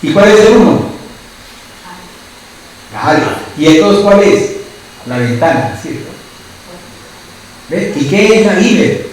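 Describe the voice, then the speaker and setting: Pastor guy preaching, kinda high voice, keeps asking the crowd stuff, super echoey room, a bit far off. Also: lively intonation, slow, long pauses, a little hiss or hum. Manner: asks the congregation constant questions. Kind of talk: sermon.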